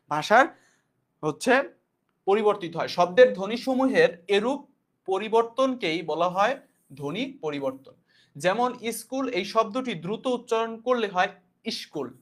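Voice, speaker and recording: A man teaching a class in a casual lecture style, explaining loosely and often repeating points and asking questions back to his students. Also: high voice. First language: Bengali.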